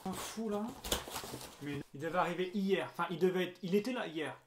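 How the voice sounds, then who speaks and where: Slangy, excitable young-sounding male vlogger. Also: high-pitched, fairly quick, noisy background. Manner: relaxed slangy talk, excited about his gear. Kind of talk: casual vlog narration.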